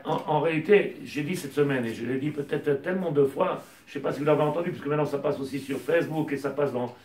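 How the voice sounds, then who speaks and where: A rabbi teacher leads a Torah lesson at a quick pace with impassioned energy, mixing in Hebrew terms and often pushing his high voice close to a shout. He sits some distance from the mic, and the room rings with echo.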